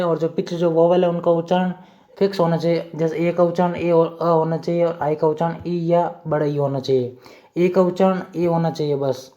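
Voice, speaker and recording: A man with an Indian accent teaches English pronunciation rules one step at a time, repeating himself and frequently posing questions he then answers. His voice is high and mellow, and the recording sounds dull and lo-fi.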